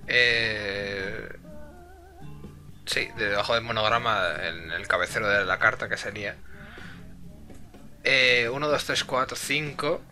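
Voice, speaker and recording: A man's voice: on the low side, slow, pauses often, pushed and bright, soft background music. A man streaming live and translating a game aloud, hesitant and full of fillers.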